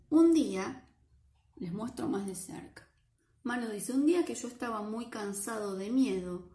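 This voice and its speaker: A woman with a Rioplatense Spanish accent reads a picture book aloud to children, playful and lively, often asking them questions. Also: a little high, roomy sound. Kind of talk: animated read-aloud for children.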